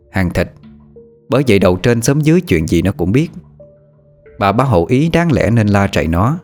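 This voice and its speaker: A man narrating a rural horror story in a steady, plain reading voice. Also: fairly low pitch.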